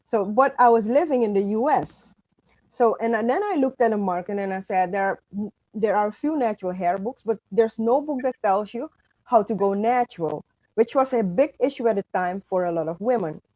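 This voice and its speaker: A middle-aged Surinamese woman, a native Dutch speaker, appears as an author and guest in a conversational interview, speaking emphatically and restarting often. Her voice is medium-pitched, animated and a little mellow at a moderate pace, on a rough recording without echo.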